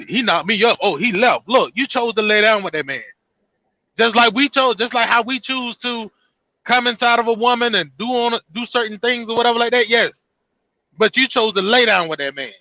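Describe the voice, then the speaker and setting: A man's voice: high-pitched, pushed and bright, no echo, muffled recording. A man giving earnest, repetitive life advice in a casual monologue to camera, often restarting his sentences.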